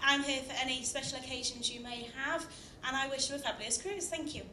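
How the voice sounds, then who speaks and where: Female hostess, high-pitched, live welcome speech, echoing noisy hall. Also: steady tone, fast talker. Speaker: social hostess. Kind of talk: short welcome speech to an audience. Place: theatre stage on a cruise ship. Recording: echoey theatre, very noisy phone recording.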